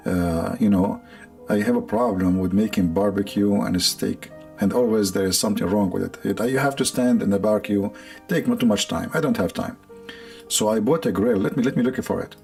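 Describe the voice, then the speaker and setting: Gravelly Arabic-accented man joking on stream. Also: lowish voice, brisk, darkish tone, soft background music. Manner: rambling, sarcastic, laughs often. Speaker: livestream host. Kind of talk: casual joking monologue.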